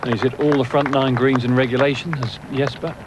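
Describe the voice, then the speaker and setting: A man's voice: mid-range voice, little pitch movement, brisk. A man giving analytical live commentary as a golf commentator. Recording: noisy outdoor broadcast ambience. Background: outdoor course ambience.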